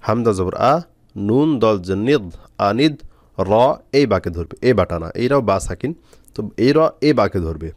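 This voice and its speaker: A man teaching Quran reading, spelling out letters and syllables slowly with frequent pauses. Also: fairly low pitch, expressive, dry recording, studio quality. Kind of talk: step-by-step spelling lesson.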